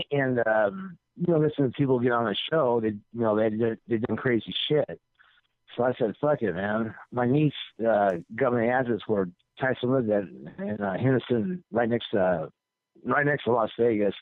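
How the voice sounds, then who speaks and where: A man's voice: medium pitch, expressive, normal speed, no room sound. Rambling male caller on a tinny phone line. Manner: rambling, profane, repeats himself. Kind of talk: casual call-in storytelling.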